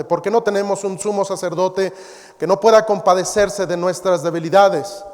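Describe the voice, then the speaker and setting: A man preaching a sermon as pastor, dropping to soft, low emphasis on key words and reading scripture aloud. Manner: quotes scripture and mimics others in a raised voice. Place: church. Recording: long hall reverb.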